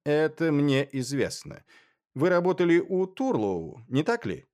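A man's voice: fairly high pitch, sing-song, unhurried, darkish tone, pitched above the performer's own voice. A man voicing a brusque older male official who speaks curtly and demandingly, as an audiobook character. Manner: curt and demanding.

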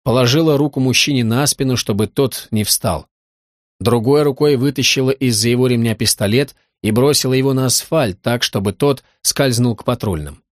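Male audiobook narrator, mid pitch, dry close studio sound, steady. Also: moderate pace, dry recording. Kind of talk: scripted narration.

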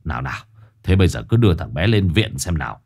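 A man voicing a blunt older village elder who barks orders in a gruff way in an audio story. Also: rumbling low, very animated, quick pace, darkish tone, voice pushed down, heavily acted.

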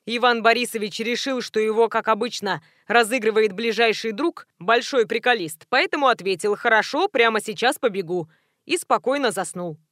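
A woman reading the part of a businesslike man reporting findings in a crisp, precise way. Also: on the high side, moderate pace, a bit bright, no room sound, studio quality, natural voice. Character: businesslike male security officer, calm and precise.

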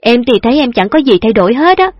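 A bubbly, teasing young woman, put on by a female storyteller in an audiobook, raised high and chirpy with a coaxing, affectionate lilt. The recording is dull and lo-fi, close and completely dry. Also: big pitch swings, quick pace, no echo.

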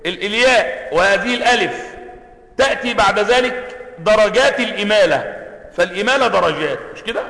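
High, bright Egyptian sheikh teaching. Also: male voice, animated, brisk. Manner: explains, asks the class questions, repeats words to demonstrate pronunciation. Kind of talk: classroom lecture on Quranic sciences. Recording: echoey hall, long reverb.

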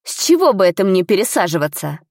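A woman's voice: medium pitch, big pitch swings, fast talker, darkish tone, no echo, clean studio sound. Woman voicing a snide little bald male tutor. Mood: sneering. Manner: grumbling, snide, sneering. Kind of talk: audiobook character reading.

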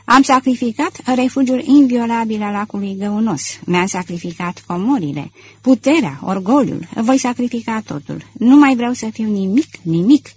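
A woman reading as a brooding gentleman thief. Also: medium pitch, husky, lightly acted. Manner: earnest, brooding, heartfelt. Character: gentleman thief, man, middle-aged, passionate and anxious.

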